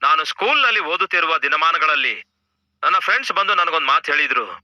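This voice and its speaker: Kannada-accented guy preaching hard, super bright sharp voice, dry dull lo-fi sound. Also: lively intonation, brisk, no room sound. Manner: emphatic preaching with rhetorical questions and sudden drops to a low voice. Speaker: pastor. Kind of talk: sermon.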